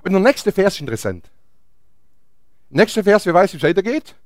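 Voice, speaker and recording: A man's voice: sits high, big pitch swings, a little fast, no echo, clean studio sound. A man preaching a sermon, telling a Bible story in a chatty way and asking his listeners questions. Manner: chatty, asks the audience questions.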